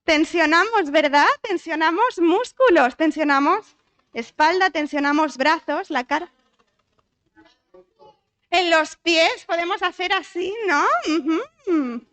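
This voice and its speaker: High-voiced Spanish woman giving a lively talk. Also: slow. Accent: Spanish from Spain. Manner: lively, asks the audience questions, frequent tag questions. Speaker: psychologist giving a church talk. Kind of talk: conversational talk to an audience. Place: church hall.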